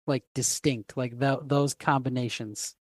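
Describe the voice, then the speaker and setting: A man's voice: medium pitch, steady tone, unhurried, darkish tone, no echo, studio quality. A man hosting a podcast in casual chat, full of fillers and repeated words. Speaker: podcast host.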